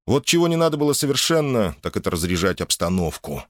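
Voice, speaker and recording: A male narrator reads a novel aloud with an expressive, dramatic delivery. His voice is low but very animated in pitch, and the recording is dry, with no room sound. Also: fast talker, no echo. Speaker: audiobook narrator. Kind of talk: scripted audiobook narration.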